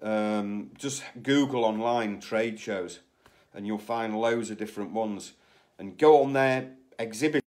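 A man's voice: fairly low pitch, measured pace, darkish tone. A man in his forties, seated indoors, giving casual rambling advice on a live stream, full of fillers and restarts, recorded on a phone at arm's length. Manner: rambling, frequent fillers and restarts, gestures with hands. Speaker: host of a live stream on flipping surplus goods. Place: small indoor room, sitting in an office chair. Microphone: phone camera at arm's length.

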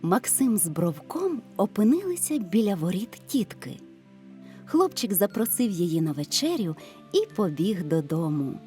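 A woman narrating a scripted audio fairy tale in a studio with a gentle, expressive voice. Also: mid-range voice, normal speed. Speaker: storyteller. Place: recording studio. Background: soft music.

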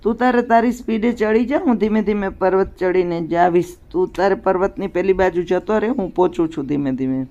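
A woman voicing a kindly, trusting old man who talks gently, in a muffled lo-fi recording. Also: medium pitch, a little fast, hardly any pauses, lightly acted. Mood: reassuring.

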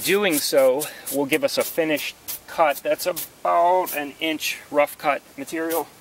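A man's voice: on the high side, steady tone, unhurried, a little hiss or hum. A man hosting a hands-on woodworking demonstration, explaining his technique in a practical, thinking-aloud way with small restarts, recorded on the camera mic outdoors and then in a garage. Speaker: woodworking channel host.

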